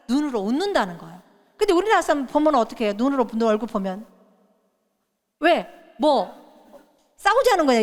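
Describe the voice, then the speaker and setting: Animated middle-aged woman leading a workshop. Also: fairly high pitch. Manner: animated, acts out quoted voices and coaches the audience. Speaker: workshop speaker. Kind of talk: lively audience workshop talk. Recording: reverberant hall.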